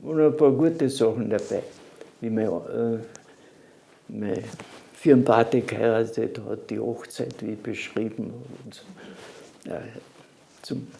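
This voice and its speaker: In an unhurried interview, a man in his 80s from Carinthia, Austria, whose first language is Slovene, reminisces about his past in a Carinthian accent. His medium-pitched voice is dark and mellow with heavy gravelly fry, and he often stops mid-phrase, restarts and uses fillers. There's slight background noise.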